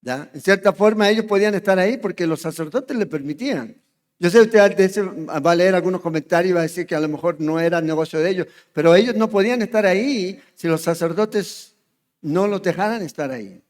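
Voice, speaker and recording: Speaking fairly quickly in a high register, a Chilean man preaches expository material to his congregation, his words trailing off in long reverb. He's conversational throughout, asking questions and frequently checking in with the room.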